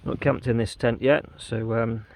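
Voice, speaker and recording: Gravelly-voiced man vlogging outdoors. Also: mid-range voice, a little slow, dry recording. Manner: relaxed, chatty, lots of ums. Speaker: wild camping vlogger. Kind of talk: casual outdoor vlog narration. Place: outdoors on a windy hillside.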